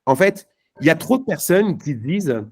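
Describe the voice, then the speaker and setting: A man's voice: a little high, sing-song, normal speed, breathy edge. A man giving a live motivational talk at a network marketing event, punchy and emphatic, speaking casually to the crowd. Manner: many fillers and restarts, casual slang.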